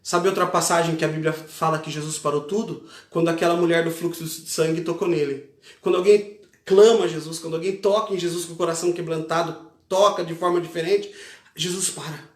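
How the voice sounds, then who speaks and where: A man's voice: on the high side, fairly even intonation, fairly quick. A man with a Brazilian Portuguese accent preaching a fervent sermon as a pastor, repeating key phrases with emphasis. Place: church. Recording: echoey church hall.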